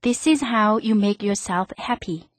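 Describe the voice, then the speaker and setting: A woman hosting a radio English lesson, explaining step by step and slowly repeating each example sentence. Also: mid-range voice, no room sound, studio quality. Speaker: radio English teacher host.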